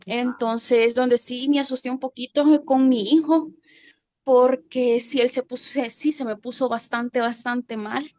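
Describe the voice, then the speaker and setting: A woman from Guatemala shares a personal testimony over a video call on her phone. Her voice sits somewhat high, and she talks in a halting, hesitant way, dropping almost to a murmur at the heavy moments. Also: steady tone, a little mellow. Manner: hesitant, halting, voice drops low when moved. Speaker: class participant sharing a testimony.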